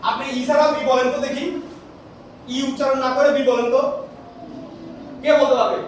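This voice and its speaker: Speaking briskly and in a level tone, a man with an extremely high-pitched voice quizzes his class and has the students echo the answers back. The large classroom is echoey, and the distant microphone picks up plenty of noise.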